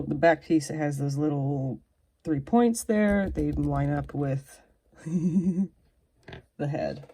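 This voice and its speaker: A woman toy reviewer with a low, dark voice and a breathy edge unboxes and reviews a collectible figure. She chats casually and pokes fun at herself, drifting into whispers as she fiddles with the figure.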